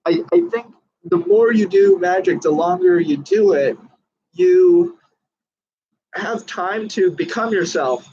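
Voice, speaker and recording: A man's voice: sits high, big pitch swings, slow, a little mellow, breathy edge, muffled recording. A man talking casually about magic, earnest and rambling, with many fillers and restarts. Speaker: magician reviewing a book. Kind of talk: casual talk to camera.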